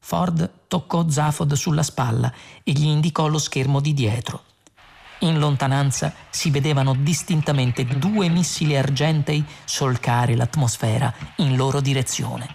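A man's voice: mid-range voice, a little slow, creaky, slight background noise. A man narrating a science fiction novel as an audiobook reader. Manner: steady storytelling delivery. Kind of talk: scripted narration.

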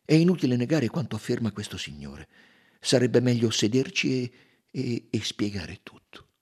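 A man's voice: mid-range voice, very animated, brisk, warm tone, husky. A man voicing a young countess who speaks firmly and earnestly. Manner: firm, earnest pleading. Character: young countess, proud, then passionate.

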